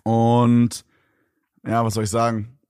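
A man's voice: mid-range voice, monotone, slow, a little mellow, clean tone, dry recording, clean studio sound. A young man co-hosting a podcast, telling a rambling story in slangy casual chat and laughing often. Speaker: podcast co-host.

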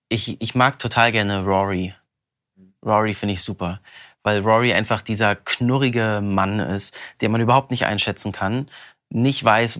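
Bright, chatty young-sounding man. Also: fairly low pitch. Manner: animated and chatty, quick bursts, frequent laughs. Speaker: voice actor interviewed about his audiobook. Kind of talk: casual interview answers.

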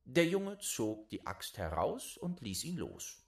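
Male storyteller, gravelly, unhurried, expressive fairy-tale reading. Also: mid-range voice. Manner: expressive, dropping to whispers.

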